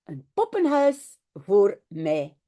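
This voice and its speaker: A woman's voice: mid-range voice, huge pitch swings, takes it slowly, mellow, highs cut off. A woman voicing a curious little girl in a children's storybook, full of questions.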